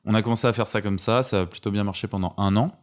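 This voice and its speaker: Guest: a young man in his twenties, very deep voice, easy chatty delivery. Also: quick pace. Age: 20s. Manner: relaxed, chatty, frequent fillers. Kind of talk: casual conversational interview.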